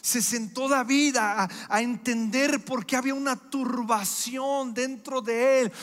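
High-voiced man preaching in a hall. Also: steady tone, a little slow, a bit bright. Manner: emphatic, repetitive preaching cadence. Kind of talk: sermon. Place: church hall. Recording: echoey hall with faint music.

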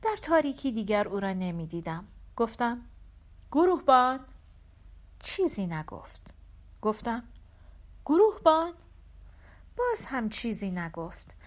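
A woman narrating a literary short story in the first person, calm and measured. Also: medium pitch. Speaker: audiobook narrator.

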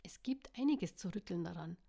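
A woman voicing a playful, self-assured young woman with a breathy, teasing way of speaking. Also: fairly low pitch, expressive, normal speed, mellow. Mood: firm.

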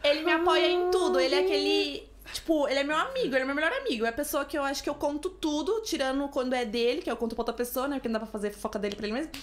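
A young Brazilian woman with a Brazilian Portuguese accent, chatting as a podcast guest and telling stories with lively acted-out quotes. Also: high voice. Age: young adult. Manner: rapid, animated storytelling with acted quotes. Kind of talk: casual podcast chat.

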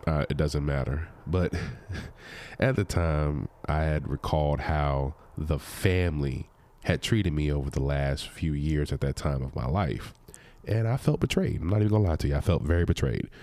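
With a rumbling low voice, a little mellow, and a moderate pace, a podcast host talks through a casual monologue on his own show. He's a bit nasal from a cold, keeping things conversational, personal and loose, with asides along the way.

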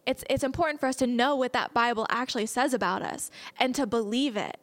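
A woman evangelist telling a story in a sermon, in a lively, conversational way. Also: a little high, fairly quick. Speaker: evangelist speaker.

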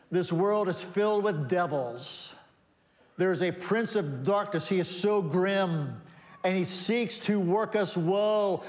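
High-voiced preacher man in a reverberant hall. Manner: rhetorical questions, rising emphatic cadence. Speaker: pastor. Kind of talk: sermon. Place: church sanctuary. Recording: long reverb of a church hall.

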